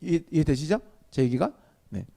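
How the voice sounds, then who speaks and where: High-voiced man preaching conversationally. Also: sing-song, moderate pace, creaky, dark tone. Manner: conversational, asks the audience questions and acts out scolding quotes. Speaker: pastor. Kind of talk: sermon. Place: indoor church hall at a small evening gathering.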